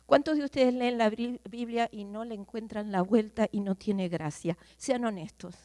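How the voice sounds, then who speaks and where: A woman preaching a sermon, questioning her listeners directly and swinging from loud outbursts to hushed, near-whispered lines. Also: fairly high pitch, normal speed, no echo. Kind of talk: sermon to a congregation.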